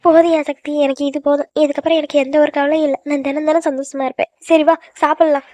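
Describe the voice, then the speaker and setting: A woman's voice: sits high, flat delivery, quick pace, dark tone, no echo, lightly acted. A woman voicing an emotional middle-aged village mother in a cartoon, scolding her daughter and doting on her son. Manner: scolding, then tearful and doting. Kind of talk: cartoon voice acting.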